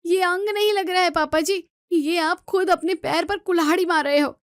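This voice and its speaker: A woman's voice: extremely high pitch, fairly even intonation, normal speed, dry recording, studio quality. A woman voicing an exasperated young daughter-in-law who scolds her in-laws about their health. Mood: scolding. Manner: scolding, worried.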